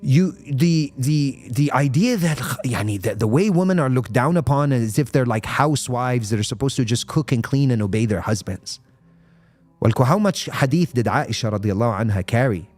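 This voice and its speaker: A man's voice: mid-range voice, lively intonation, normal speed, darkish tone, faint music behind. A man giving an impassioned live-stream talk on faith, answering viewers' comments and mixing English with Arabic phrases and rhetorical questions. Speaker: Islamic speaker.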